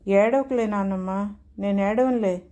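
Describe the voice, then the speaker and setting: A woman voices a little boy who is tearful and worried about his parents, pleading in a sobbing, childlike way. Her mid-range voice is dark-toned and natural, at a moderate pace.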